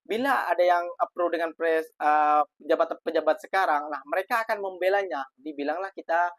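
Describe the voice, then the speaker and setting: A woman's voice: fairly low pitch, brisk, dry recording. A woman hosting a reaction video, commenting in a chatty, exclamatory way.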